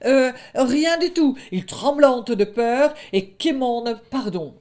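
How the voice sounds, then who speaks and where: A woman's voice: sits high, takes it slowly, darkish tone, voice pushed up. A woman putting on a bragging young wolf. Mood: flustered bluster. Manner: blustering, stammering when caught. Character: boastful young male wolf, lying braggart.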